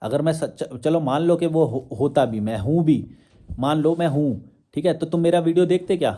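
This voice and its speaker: A man's voice: on the high side, normal speed, dark tone. A young man giving a confrontational monologue to his viewers, firing rhetorical questions and challenges. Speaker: social media commentator.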